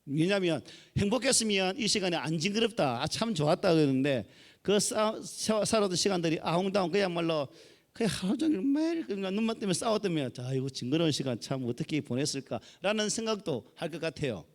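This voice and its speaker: A man's voice: high-pitched, animated, fairly quick. A middle-aged man with a Gyeongsang accent preaching a folksy sermon and joking with the congregation. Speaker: pastor.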